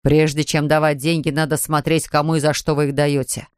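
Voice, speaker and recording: A woman's voice: sits low, little pitch movement, brisk, clear, resonant tone, no room sound, studio quality, voice pushed down, natural voice. A woman voicing a flustered middle-aged father in a storybook reading. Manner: flustered, protesting.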